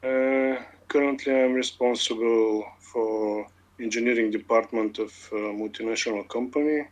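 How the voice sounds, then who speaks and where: A man in his forties from Bulgaria with a Bulgarian accent, an automation engineering lead speaking in a casual online meeting, hesitant with many filler pauses. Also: mid-range voice, fairly even intonation, rough recording. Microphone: computer mic on a video call.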